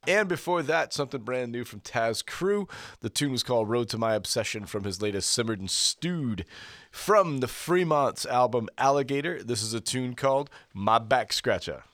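A man of forty-nine co-hosts the show in a relaxed, wry way and reads out the tracks just played. His mid-pitched voice sounds close and dry. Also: normal speed, no echo. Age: 40s. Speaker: radio co-host. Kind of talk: casual chat and music back-announcing.

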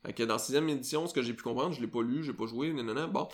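A man's voice: mid-range voice, quick pace. A man with a Quebec French accent hosting a podcast, chatting casually and rambling with many fillers and self-corrections. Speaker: podcast host. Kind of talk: casual chat.

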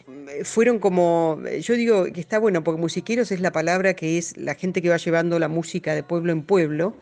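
A woman's voice: on the low side, brisk, a little mellow. A woman, a musician and music educator answering interview questions in an earnest, explaining way.

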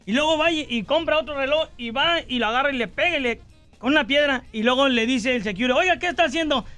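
A man on a radio comedy show telling jokes in a chatty, drawn-out way. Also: very high-pitched, sharp tone, no room sound, soft background music.

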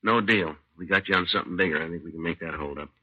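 An actor playing a tough, terse American police detective who also narrates in a deadpan, matter-of-fact way, in 1950s radio drama style. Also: male voice, deep voice, fast, highs cut off, slight background noise, lightly acted. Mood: stern, fed up.

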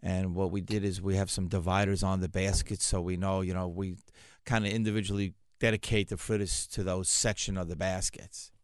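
A middle-aged man speaks with a Long Island accent in a fairly low voice. He gives casual interview answers about his own trade, and the recording is close and dry. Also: little pitch movement, brisk, few pauses, no echo. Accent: Long Island, New York. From Long Island, New York. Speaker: food truck owner and guest.

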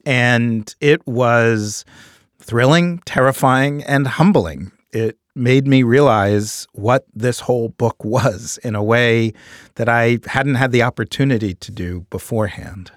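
A man's voice: mid-range voice, slow pace, no room sound. A middle-aged man with a New York accent, an author talking thoughtfully and earnestly about his book in a studio audio booth, close to a studio microphone. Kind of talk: reflective interview monologue.

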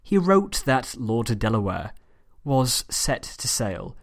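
A British man hosting a history podcast, reading a scripted narration in a measured way with chatty personal asides. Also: mid-range voice, big pitch swings, gravelly. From United Kingdom.

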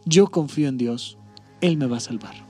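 A man's voice: medium pitch, normal speed, a little mellow, slightly rough, soft background music, voice pushed down, lightly acted. A man voicing a stubborn villager who insists on refusing help, in a spoken story. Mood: insistent.

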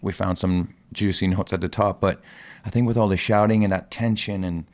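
A man's voice: low voice, steady tone, a little fast. A man hosting a casual conversation, eager and chatty, asking questions and comparing experiences as a stage performer. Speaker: host, musical theatre performer.

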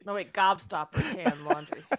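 A woman's voice: medium pitch, normal speed. A woman co-hosting a podcast in casual chat, giving wry reactions. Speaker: podcast co-host.

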